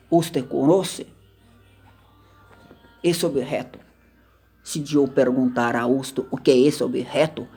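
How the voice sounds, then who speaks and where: A man teaches everyday words at a slow, deliberate pace, repeating each point. His voice is a little husky, and faint music plays behind him. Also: mid-range voice, mellow. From Argentina. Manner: slow, repetitive, mixes Spanish into Portuguese. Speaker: language teacher. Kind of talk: casual vocabulary lesson to camera.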